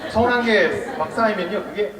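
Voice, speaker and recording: A man in his forties, a monk giving a public lecture, lively and quizzing the audience, with acted-out dialogue. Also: sits high, fairly quick, a loud crowd, heavy background noise. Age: 40s. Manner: lively, asks the audience questions, acts out quoted dialogue. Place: temple lecture hall with audience. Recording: echoey hall, mic from far off, audience around.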